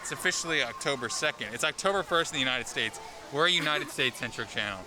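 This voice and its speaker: A man's voice: mid-range voice, lively intonation, quick pace, crowd noise. A man hosting a travel vlog, chatting and joking as he walks around an amusement park. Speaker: vlog host. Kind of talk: casual vlog narration. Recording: outdoor vlog with loud park music.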